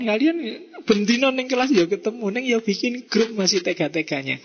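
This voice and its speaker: A man's voice: a little high, breathy edge. Javanese-accented man lecturing in a reverberant hall. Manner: lively, mixes in Javanese, acts out quoted messages. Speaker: philosophy lecturer. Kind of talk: lecture to students. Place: mosque hall.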